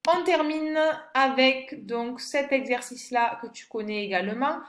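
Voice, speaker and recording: Woman, primary teacher, French accent, patient and slow, talks straight to the child, roomy recording. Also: on the high side, a bit bright. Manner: patient, addresses the child directly, spells out letters. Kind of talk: recorded phonics lesson for a young child.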